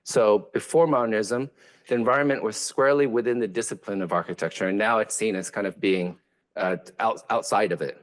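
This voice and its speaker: An architect whose first language is Vietnamese delivers an academic lecture, speaking hesitantly with many fillers and restarts. His voice is lowish and steady, and he talks fairly quickly.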